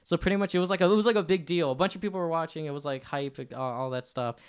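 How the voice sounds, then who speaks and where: A young man with a fairly high voice rambles through a story on a casual podcast. His telling is loose and packed with fillers and self-corrections. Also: racing, smooth. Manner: rambling, many fillers and laughs. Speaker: podcast co-host.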